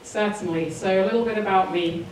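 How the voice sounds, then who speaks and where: A woman in her forties from England, a sports author appearing as an interview guest, gives earnest, articulate answers and personal stories in a southern English accent. Her medium-pitched voice runs a little fast. The mic is distant, with roomy echo and faint noise.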